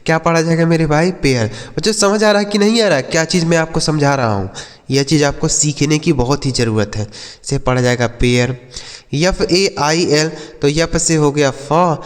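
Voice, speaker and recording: A man teaching English spelling to children, sounding letters out slowly and answering his own questions. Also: a little high, big-room sound.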